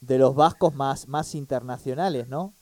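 A man's voice: mid-range voice, normal speed, darkish tone, no echo. A man hosting a radio talk, agreeable and chatty, often saying "claro". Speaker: radio host. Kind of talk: radio conversation.

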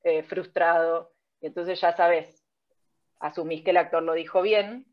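In a dull lo-fi recording, a woman with a Rioplatense Spanish accent and a lowish, steady voice speaks a little slowly. She's a speech technology researcher giving an interview, patiently walking through her field step by step with examples.

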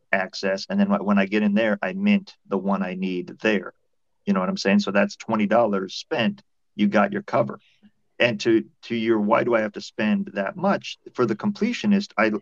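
A man's voice: lowish voice, no echo. Man on a dull video call line. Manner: explains points step by step, argumentative. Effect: heard over a video call. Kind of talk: casual debate chat.

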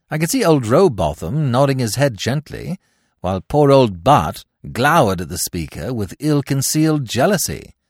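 A man narrating a classic comic story as podcast host, with expressive storytelling. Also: sits high, dry recording, studio quality.

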